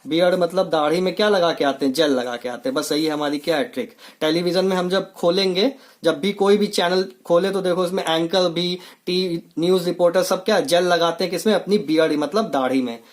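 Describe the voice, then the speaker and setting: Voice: mid-range voice, fairly quick, few pauses. Teacher talking thru a lesson, keeps asking "what is it?" then answering, says stuff twice. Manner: asks rhetorical questions and answers them, repeating key words; plain, patient explaining in simple steps. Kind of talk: online coaching lesson.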